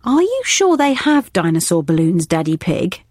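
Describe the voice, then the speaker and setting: A woman's voice: fairly low pitch, very animated, normal speed, darkish tone, dry recording. A woman voicing a kind, sensible cartoon mother pig in a reassuring manner. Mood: kindly.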